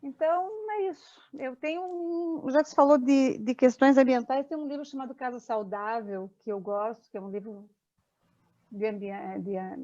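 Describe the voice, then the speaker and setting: Woman participant, reflective and halting, higher voice, dull muffled recording. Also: fairly even intonation, mellow. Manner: hesitant, many restarts. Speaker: meeting participant. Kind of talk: casual group discussion. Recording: muffled lo-fi audio.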